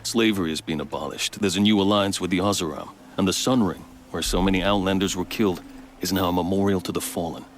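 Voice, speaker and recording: An actor playing a proud, measured male captain and veteran soldier. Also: low-pitched, fairly even intonation, slight background noise, close to an everyday voice. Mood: proud steady.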